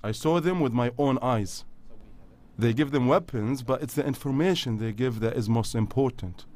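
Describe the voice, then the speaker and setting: A man talks through an electronic voice disguise that masks who he is. He recounts events in a grave, matter-of-fact way, at an ordinary pitch for a man. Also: moderate pace, darkish tone. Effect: electronically altered, disguised voice. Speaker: interviewee, former aide. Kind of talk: news interview testimony.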